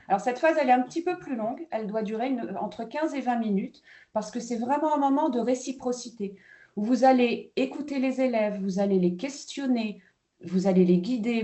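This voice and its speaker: Woman kindergarten teacher, warm dark timbre, webinar presenter, patient and explanatory with filler pauses. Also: a little high.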